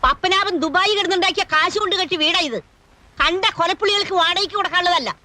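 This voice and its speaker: A woman's voice: extremely high pitch, quick pace, bright, forceful tone, no echo. A woman playing a bold, proud old grandmother in her sixties or older who scolds and commands. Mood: scolding.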